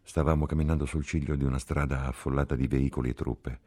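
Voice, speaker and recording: A man reading a novel aloud in a measured, sober first-person telling. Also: a bass voice, fairly even intonation, mellow, dry recording. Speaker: audiobook reader. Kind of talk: scripted literary narration.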